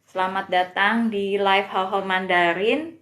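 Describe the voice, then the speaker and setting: A woman's voice: mid-range voice, steady tone, a little slow, a bit bright. A woman teaching a live-streamed Mandarin lesson, patient and greeting viewers by name.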